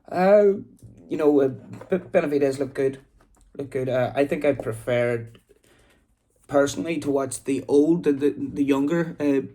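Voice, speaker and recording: Gravelly, mellow Belfast man chatting casually. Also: mid-range voice. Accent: Belfast, Northern Irish. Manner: rambling, informal. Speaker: boxing vlog host. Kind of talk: casual chatty commentary to camera. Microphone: phone.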